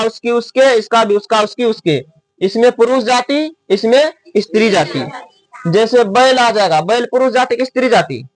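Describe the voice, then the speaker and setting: Classroom teacher drilling students aloud. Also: male voice, very high voice. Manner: repeats and drills, asking the class to answer back; slow, spelling out words letter by letter. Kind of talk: classroom lesson.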